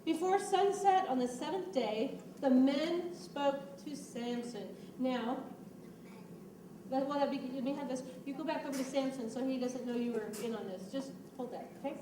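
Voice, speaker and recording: A woman with a high voice narrates a story while coaxing children through their lines in a church skit. She is heard from a distance in an echoey church room. Steady background noise runs under her voice. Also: normal speed. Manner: patient, coaxing instructions mixed with storytelling. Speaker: children's ministry leader directing a Bible skit. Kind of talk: narrating and stage-directing a children's play.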